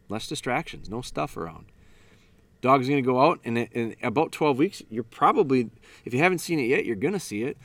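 A man's voice: mid-range voice, creaky. A man in a mid-range voice talks through retriever training like he's chatting with a fellow handler. He's blunt and folksy, and he drops into little asides where he plays out the dog's thoughts. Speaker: dog trainer and podcast host. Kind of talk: casual instructional talk.

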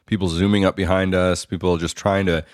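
Low-voiced guy, talks fast, cracks jokes on a podcast, dry mic. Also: little pitch movement, no echo. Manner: joking, talks while eating. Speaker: podcast co-host. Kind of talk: casual chat.

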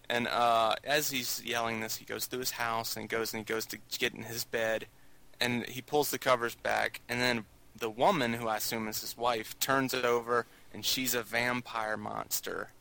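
A man's voice: fairly low pitch, bright, forceful tone, poor audio. A man co-hosting a casual movie podcast, recapping scenes in a loose, rambling way full of fillers. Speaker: podcast co-host.

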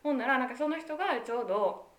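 Quick, chatty Kansai woman in an echoey room. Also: high-pitched, expressive. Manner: chatty, giggly storytelling. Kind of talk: casual chat. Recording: roomy echo.

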